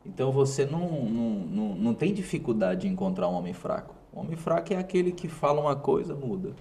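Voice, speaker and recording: A man's voice: medium pitch, sing-song, fast, mellow. Emphatic Brazilian man giving motivational talk. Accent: Brazilian Portuguese. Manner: emphatic, speaks directly to the viewer; punchy repeated short phrases. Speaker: host.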